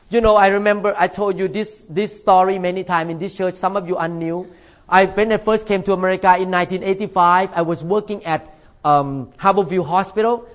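In a church, an older pastor from Thailand preaches in a high voice, recorded with lo-fi sound. His manner is emphatic, and he lingers on key words to stress them.

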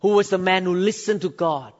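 A man in his sixties, from Thailand, preaching a sermon with emphatic, drawn-out phrases and sudden rises in pitch. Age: 60s. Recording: dull sound with long hall reverb.

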